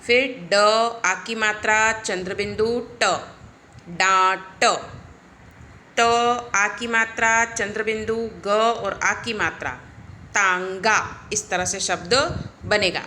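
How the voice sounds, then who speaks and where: A woman teaching young children, slow and patient, spelling out letters and often asking the class to repeat. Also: mid-range voice, steady tone, pushed and bright, slight background noise. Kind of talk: children's Hindi lesson.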